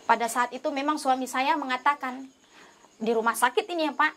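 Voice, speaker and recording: A woman's voice: high-pitched, a little fast, fairly bright tone. A woman giving an earnest, emotional testimony, pleading as she acts out her own prayers and conversations. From North Sumatra, Indonesia.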